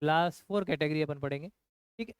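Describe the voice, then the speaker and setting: A man's voice: fairly high pitch, quick pace, smooth, no echo. A man teaching a nursing lecture who repeats key phrases and keeps asking his class rhetorical questions. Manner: addresses students as children. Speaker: nursing coach.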